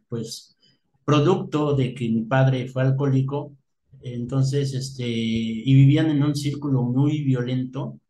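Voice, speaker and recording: A man's voice: mid-range voice, darkish tone. A man gives a personal testimony in an interview, talking hesitantly with many filler words. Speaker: guest giving a testimony. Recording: echoey room with faint noise.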